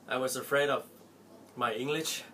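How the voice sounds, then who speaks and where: A young Thai man with a Thai accent, who works as an Apple store salesperson, speaks earnestly and pleadingly to the camera from a small, cluttered bedroom. His mid-range voice moves at a slow pace, heartfelt and swinging expressively in loudness. There is slight background noise.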